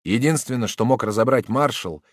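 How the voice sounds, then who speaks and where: A man reading a classic novel aloud in unhurried, even storytelling narration. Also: medium pitch, no echo, studio quality. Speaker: audiobook reader.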